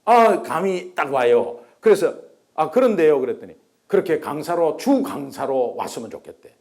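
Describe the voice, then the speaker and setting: Brief: middle-aged male pastor, storytelling sermon, higher voice, acts out the voices of the people he describes. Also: sing-song, normal speed, darkish tone.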